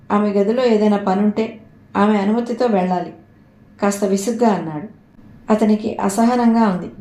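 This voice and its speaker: A woman's voice: medium pitch, dark tone. Woman reading a novel in an echoey room. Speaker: audiobook narrator. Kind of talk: reading a Telugu audio novel aloud.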